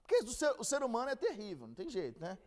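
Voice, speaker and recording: A man's voice: very high-pitched, huge pitch swings, very fast, a little mellow. A man with a Brazilian Portuguese accent teaching a Bible lesson in a casual, storytelling way, acting out the people he quotes.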